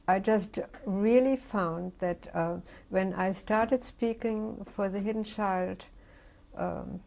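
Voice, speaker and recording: Older woman with a gravelly voice. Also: on the low side, a little mellow. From Germany. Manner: reflective, halting, with frequent restarts. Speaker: interviewee. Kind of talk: oral history testimony. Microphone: interview recording.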